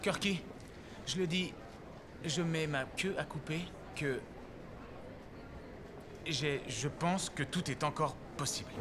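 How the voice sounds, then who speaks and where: An easygoing man with a fairly high voice. He is a halting, slangy comedy-film buddy, heard over loud ambient noise. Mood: joking, unsure. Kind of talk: dubbed film comedy acting.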